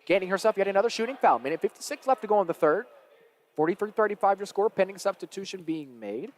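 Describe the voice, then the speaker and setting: A man calling live high school basketball play-by-play, quick and energetic as the action rises. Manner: rapid and energetic, rising with the action. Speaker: play-by-play announcer.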